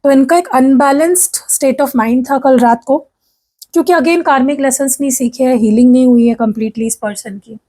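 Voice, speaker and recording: A woman with a high-pitched, warm voice gives her viewers a casual tarot reading at normal speed, chatting in a friendly way and complaining of a sore throat. She mixes English phrases into her Hindi, calls viewers "guys", and often says "theek hai?"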